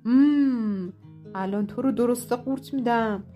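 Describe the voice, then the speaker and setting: A woman voicing a sly, greedy big bad male wolf in a children's storybook, slow and scheming, sometimes faking a sweet granny voice. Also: on the high side, mellow, faint music behind, natural voice. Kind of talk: storybook read-aloud.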